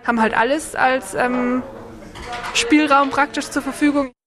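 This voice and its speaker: A woman's voice: high voice, steady tone, measured pace. A young woman workshop participant speaking hesitantly with many fillers and some English phrases.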